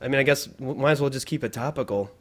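A man's voice: medium pitch, quick pace. A man hosting a podcast, joking and laughing in casual chat with stammers. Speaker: podcast host.

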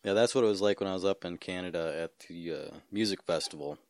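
A young man chatting casually as a podcast host, laid-back and quick to laugh while rambling through stories. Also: low voice, darkish tone, no room sound, studio quality. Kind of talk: casual chat.

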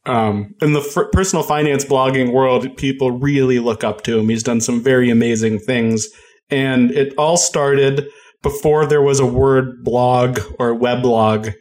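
A man hosts a relaxed podcast interview with a chatty, informal delivery. His voice sits at an ordinary male pitch, and he jokes lightly as he talks with his guest. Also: measured pace. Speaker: podcast host. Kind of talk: casual chat, interviewing a guest.

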